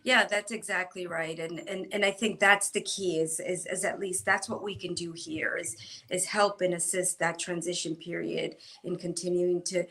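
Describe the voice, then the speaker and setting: A woman's voice: on the low side, steady tone, moderate pace, a bit bright. Earnest middle-aged woman guest from Ecuador. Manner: earnest, repeats words as she restarts sentences. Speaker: guest, former Marine. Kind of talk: conversational interview.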